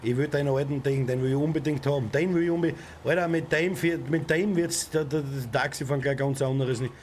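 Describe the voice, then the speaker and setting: A young man with an Austrian accent commenting on a driving game from his home setup, who often shouts and swears at other drivers. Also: mid-range voice, a little fast, background noise. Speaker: gaming streamer. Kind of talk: let's play commentary. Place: home gaming room. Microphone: desk mic with headset.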